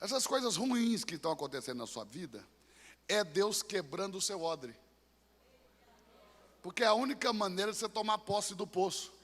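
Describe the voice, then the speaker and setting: A man preaching a dramatic sermon, swinging from hushed asides to shouted climaxes. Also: high voice, expressive, normal speed, long pauses. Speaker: pastor. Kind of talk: impassioned sermon. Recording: long church-hall reverb.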